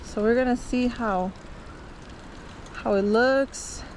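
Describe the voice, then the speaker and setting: A woman hosting a casual camping vlog outdoors by lakes and creeks, relaxed and chatty. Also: fairly high pitch, takes it slowly. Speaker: vlogger, camping host. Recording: outdoor background noise.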